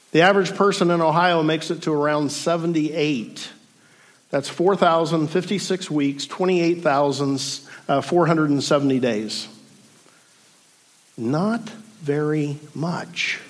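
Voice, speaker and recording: High-voiced man in his forties preaching. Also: slow, long pauses. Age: 40s. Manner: reflective, with dry self-deprecating humor. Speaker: pastor. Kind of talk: sermon. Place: room before a congregation.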